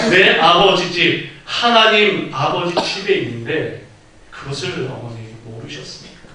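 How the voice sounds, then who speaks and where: Male pastor, bright voice, dramatic storyteller, heavily echoing church hall heard from afar. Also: fairly high pitch, a little hiss or hum. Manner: storytelling preacher, acts out quoted speech with sudden loud outbursts. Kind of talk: sermon. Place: church sanctuary. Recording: very echoey hall, mic at a distance.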